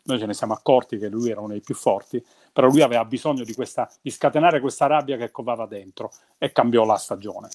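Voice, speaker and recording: Animated Italian-speaking man reminiscing. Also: mid-range voice, quick pace, hardly any pauses. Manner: animated storyteller, emphatic. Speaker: former team announcer and commentator. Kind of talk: reminiscing in casual chat.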